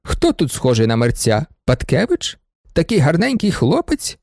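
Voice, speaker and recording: A man reads an audiobook, voicing an insolent young student, a smooth talker who explains himself with mock courtesy. His exaggerated voice is on the high side with huge pitch swings, vocal fry and a darkish tone, at normal speed. The studio-quality recording has no echo.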